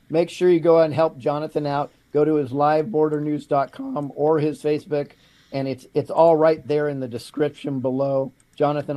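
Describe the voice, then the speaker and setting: Guy hosting a talk show, kinda high mellow voice, keeps asking the audience questions. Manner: addresses the audience directly with rhetorical questions. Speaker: host.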